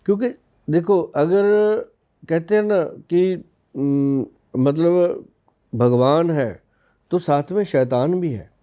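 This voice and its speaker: A man's voice: a little high, slow, dark tone. A man from India in his fifties, an Ayurvedic expert on a podcast, explaining in a folksy way with personal anecdotes. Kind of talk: casual podcast interview.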